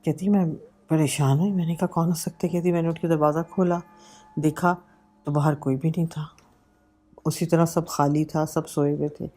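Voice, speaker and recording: Low, mellow-voiced woman telling a spooky story. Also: fairly even intonation, soft background music. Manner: casual, mixes English words into her speech. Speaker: vlogger. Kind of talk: personal horror storytelling.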